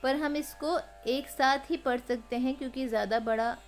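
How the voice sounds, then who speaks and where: A woman who teaches chanting of Sanskrit verses. She chants each line slowly, then patiently explains how to pronounce it. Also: sits high, fairly even intonation, soft background music. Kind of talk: slow chanting lesson with spoken explanations.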